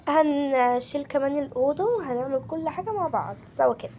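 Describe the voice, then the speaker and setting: Egyptian woman, home vlogger, high bright pitch, chatty narration to her viewers, faint background noise. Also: lively intonation, fast. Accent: Egyptian Arabic. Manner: chatty, talks straight to viewers as a group. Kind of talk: casual home-cleaning vlog narration.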